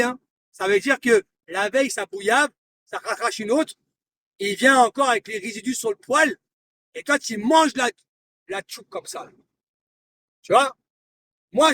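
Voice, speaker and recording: High-voiced man ranting confrontationally on a live stream. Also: a bit bright, recorded from a distance, slight background noise. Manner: confrontational, repeats himself, taunting. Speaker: livestreamer. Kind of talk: heated live-stream rant.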